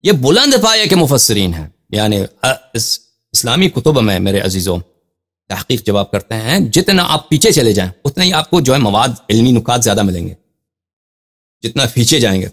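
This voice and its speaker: A male religious scholar lectures on Quran commentary, and his pitch swings widely as he stresses points. He reads Arabic passages slowly and explains them. He keeps repeating phrases and posing questions to drive each point home. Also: sing-song, a bit bright.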